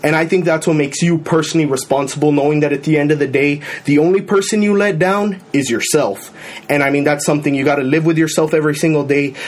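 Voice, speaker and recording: Young male student on a discussion panel, earnest and steady, voice sitting a bit high. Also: quick pace. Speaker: student guest.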